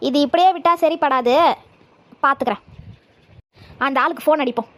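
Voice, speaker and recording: A sharp-tongued young daughter-in-law, played by a woman in a comedy skit. Her voice is high and she fires off her words quickly. The recording is close and dry. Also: no echo. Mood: grumbling.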